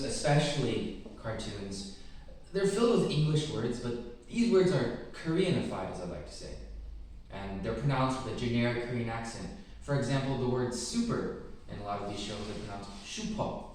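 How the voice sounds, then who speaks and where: A teenage boy with a West Coast American accent, giving a reflective prepared talk as a student speaker. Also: on the low side. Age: teens. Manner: reflective, measured storytelling. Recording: very echoey room, mic at a distance.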